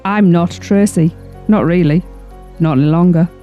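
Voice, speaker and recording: A woman voicing an ancient female demon who has taken over a wife's body, speaking in a slow, menacing voice. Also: warm tone, soft background music, close to an everyday voice. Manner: slow, menacing, low and grand. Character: ancient female demon possessing a wife, gloating.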